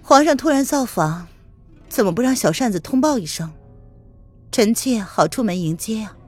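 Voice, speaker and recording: A woman's voice: a little high, expressive, moderate pace, darkish tone, breathy edge, dry recording, soft background music. Woman voicing a teasing young queen. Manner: light, mock-polite. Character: calm teasing young queen, falsely innocent.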